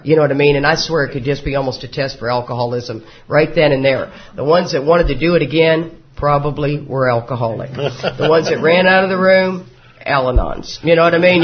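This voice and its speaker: A man in his fifties speaks with a drawl in a slightly high voice. He talks to a recovery group as a folksy, joking storyteller who laughs along with his own stories. The recording is dull and lo-fi. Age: 50s. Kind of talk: personal recovery talk to a live group.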